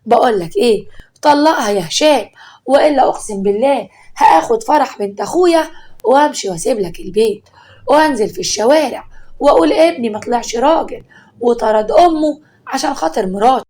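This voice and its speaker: A woman's voice: a little high, animated, fast talker, natural voice. Woman voicing a bossy Egyptian mother-in-law. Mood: angry. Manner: loud, commanding, scolding.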